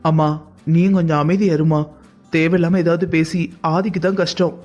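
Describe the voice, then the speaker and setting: A protective young brother from a family cartoon, voiced by a man. He speaks firmly and defensively in a fairly high voice. Faint music sits behind him. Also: steady tone, normal speed, a little mellow, lightly acted. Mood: calming. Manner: firm, defensive. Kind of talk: cartoon dubbing.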